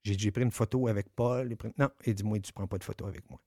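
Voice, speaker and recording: Quebec radio storyteller, male, low and animated, dry studio sound. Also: rapid-fire, no echo. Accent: Quebec French. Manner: animated, swearing, acts out quoted dialogue. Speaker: radio show regular telling a story.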